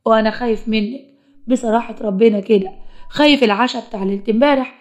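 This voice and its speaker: Woman playing a smug husband, blunt, defensive, rapid talk, slightly high voice, animated story. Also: natural voice. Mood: wary. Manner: blunt, self-justifying.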